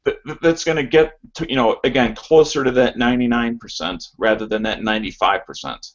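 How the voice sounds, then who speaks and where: A man's voice: medium pitch, fairly quick, lo-fi sound. A man hosting a casual voice chat, opinionated and prone to stammers and restarts.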